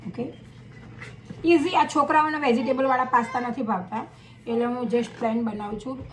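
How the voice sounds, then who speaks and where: Filmed at home with noticeable background noise, this casual family vlog features a mother talking with her children, alternating between coaxing and scolding. She speaks at normal speed in a slightly high voice with a steady tone.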